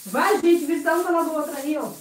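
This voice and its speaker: Woman, from Brazil, live-stream host, chatty, high voice, echoey home room. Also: fast talker. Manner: chatty, greets viewers by name while cleaning. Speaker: YouTuber hosting a live stream. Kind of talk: casual live-stream chat reading comments. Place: home service area. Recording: echoey room with faint noise.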